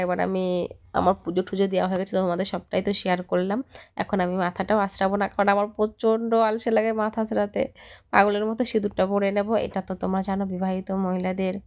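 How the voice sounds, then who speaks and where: Young woman, chatty home vlog voice-over, rapid talk, gravelly edge. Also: medium pitch, a little mellow. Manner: fast, chatty, talks a lot. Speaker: vlogger. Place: home, voice recorded later as voice-over.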